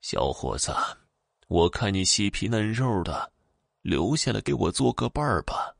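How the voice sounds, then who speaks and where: A man voicing a menacing old woman ghost with fangs, speaking in drawn-out, sinister tones. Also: on the low side, big pitch swings, creaky, no room sound, clean studio sound, heavily acted.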